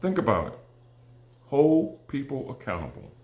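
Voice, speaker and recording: A man and combat veteran talking casually to viewers, earnest and halting, with many ums and restarts that give way to emphatic, persuasive pushes. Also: mid-range voice, huge pitch swings, a little mellow, echoey room. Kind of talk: casual direct-to-camera talk.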